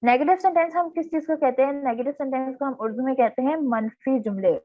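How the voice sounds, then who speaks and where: A woman teaching an online grammar class, explaining patiently and reading examples slowly. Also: high-pitched, no echo. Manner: patient explaining, reading English examples slowly, frequent "theek hai" check-ins. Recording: tinny phone-like online class audio.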